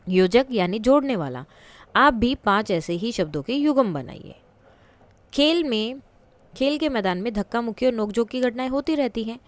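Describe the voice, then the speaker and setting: A woman's voice: fairly high pitch, lively intonation, normal speed, no room sound. A woman teaching a school textbook lesson, explaining patiently step by step with examples and questions to the class.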